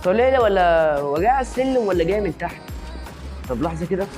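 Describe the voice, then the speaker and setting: A woman with an Egyptian Arabic accent who hosts a gaming channel and gives chatty, excitable shooter commentary straight to the viewer. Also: fairly low pitch, fast. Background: game music and gunfire.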